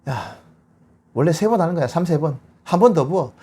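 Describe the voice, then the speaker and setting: A man's voice: on the high side, lively intonation, brisk, dark tone, breathy edge. A man voicing a bold male prophet of old who taunts his rivals and gives blunt commands. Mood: commanding.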